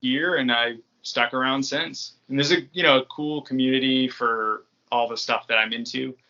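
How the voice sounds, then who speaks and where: Bright and forceful, this American man's mid-range voice holds a steady tone at a moderate pace over a lo-fi recording. He's a New England podcast creator appearing as an interview guest, chatting in an easygoing, rambling manner.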